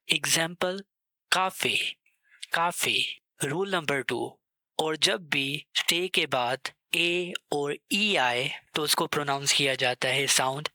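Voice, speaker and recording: Slow, bright-voiced male language teacher. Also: mid-range voice, no room sound, low-quality recording. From South Asia. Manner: slow, clear, drills each sound twice. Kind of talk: slow beginner lesson, repeating each word.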